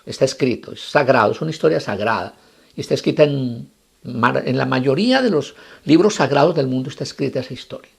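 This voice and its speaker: A man delivers a motivational talk, repeating key phrases and firing off rhetorical questions. His voice is gravelly and a little husky, pitched on the high side for a man, and it swings widely in melody as he drives his points home. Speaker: psychologist and motivational speaker.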